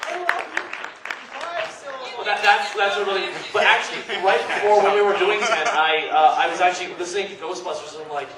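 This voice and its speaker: Speaking briskly in a high voice, an abridged-series voice actor on a convention panel spins casual, rambling, joke-filled stories with lots of animation. The audio comes from a distant mic in an echoey hall full of crowd and audience noise.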